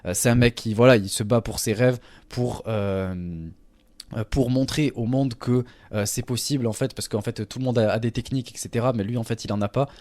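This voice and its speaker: A man's voice: medium pitch, steady tone, a little fast, darkish tone, no echo. A man co-hosting a casual podcast, talking with frequent hesitations and fillers. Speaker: podcast co-host.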